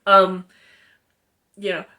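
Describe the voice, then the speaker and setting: A young adult woman giving a casual book review, retelling the story in an animated, chatty way full of fillers. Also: fairly low pitch, extremely slow.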